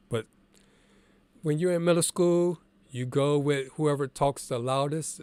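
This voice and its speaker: A man with an allergy-congested morning voice talks through his DJ software in a loose, easygoing way, thinking out loud. The recording is dry and close, with no room sound. His pitch sits in the middle range. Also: clean tone, no room sound. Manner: relaxed and candid, thinking aloud with fillers. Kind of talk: casual screen-share tutorial.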